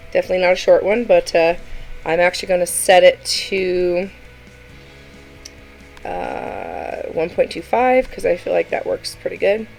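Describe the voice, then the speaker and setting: A woman with a fairly low voice talks through a reaction video in a loose, offhand way. She is opinionated and chatty and hedges with lots of "um" and "I mean.". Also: creaky, darkish tone, low-quality recording. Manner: chatty and opinionated, many fillers. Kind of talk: casual reaction commentary.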